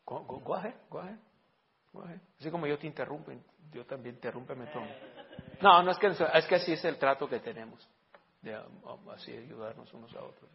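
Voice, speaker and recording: A man preaching a sermon as pastor, lively, with frequent amens and rhetorical questions. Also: mid-range voice, a little fast, vocal fry, highs cut off.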